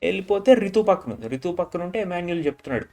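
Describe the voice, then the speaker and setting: Chatty man recapping a show, fairly high voice. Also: animated, very fast, warm tone, soft background music. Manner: retells scenes, dropping his voice for quoted lines; repeats filler tags and restarts often. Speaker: reality show reviewer. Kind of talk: casual episode recap.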